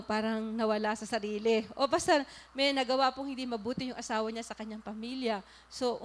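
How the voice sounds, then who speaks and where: A woman pastor from the Philippines giving an animated sermon, telling a story and putting questions to the congregation. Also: on the high side. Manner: animated, rhetorical questions to the audience, polite and earnest.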